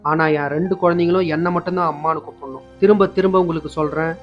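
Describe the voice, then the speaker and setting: Man voicing a stubborn angry young mother, scolding, quick, dull lo-fi sound, faint music. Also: on the low side, steady tone, natural voice. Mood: insistent scolding. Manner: insistent, scolding.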